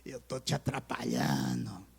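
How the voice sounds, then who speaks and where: A man voicing a mocking male demon who taunts a pastor in a low, sly voice. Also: big pitch swings, a little slow, vocal fry, husky, full character voice. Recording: long church-hall reverb.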